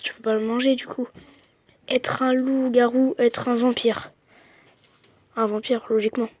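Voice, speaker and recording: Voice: medium pitch, a little mellow, dry recording, highs cut off. A young speaker giving casual, slangy commentary while playing a quiz game on a phone, chatting to viewers. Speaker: gamer playing a quiz app. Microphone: phone microphone.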